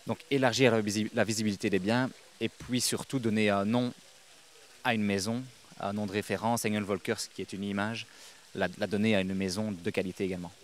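A man's voice: on the low side, steady tone, a little fast, slight background noise. A young man answering interview questions outdoors into a handheld microphone, businesslike and hesitant, with many fillers. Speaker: real estate agent. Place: outdoors on a lawn.

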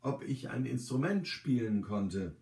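A man's voice: mid-range voice, sing-song, a little slow, vocal fry, mellow, distant mic. A man voicing a frail, forgetful old woman. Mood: hesitant. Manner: hesitant, searching for memories. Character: frail forgetful elderly woman in a care-home bed. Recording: roomy, from the mic.

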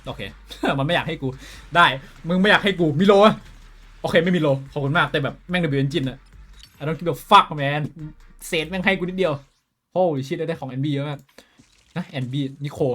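A man streaming a game live, talking with his viewers in a profane, excitable way that swings between loud outbursts and quiet muttering. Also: on the high side, moderate pace, soft background music. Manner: switches between shouting and muttering. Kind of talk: casual live-stream commentary.

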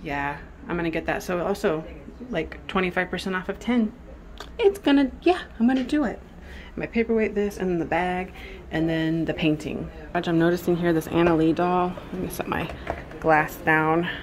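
A chatty woman narrates as she browses a house sale, talking to the phone in her hand in a low-ish, easy voice. She exclaims often and thinks aloud about what things cost. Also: normal speed. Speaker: vintage reseller vlogger. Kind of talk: casual walk-through narration. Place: indoors at a house estate sale.

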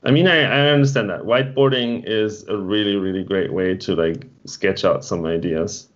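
A man's voice: lowish voice, normal speed. A man co-hosting an online meetup stream, chatting casually and rambling as he reads and answers the chat. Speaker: meetup co-host. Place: home. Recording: dull lo-fi stream audio.

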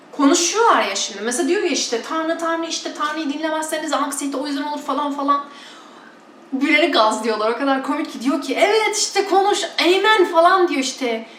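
Blunt Turkish woman, high voice, echoey room. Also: a bit bright, distant mic, slight background noise. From Turkey. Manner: blunt, mocking, mimics preachers in a shaky voice. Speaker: vlogger. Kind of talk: casual chatty storytelling.

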